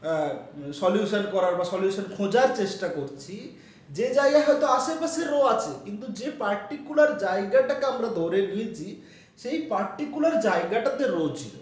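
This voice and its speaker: A man's voice: high voice, big pitch swings, brisk. A man giving a physics lecture, explaining step by step with many fillers and checks for understanding. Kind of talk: classroom lecture. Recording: echoey room, voice from a distance.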